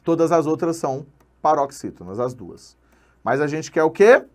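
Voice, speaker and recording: Lively Brazilian exam-prep teacher. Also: male voice, a little high, normal speed. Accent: Brazilian Portuguese. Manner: energetic, slangy, counts syllables aloud. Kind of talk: online exam-prep lesson.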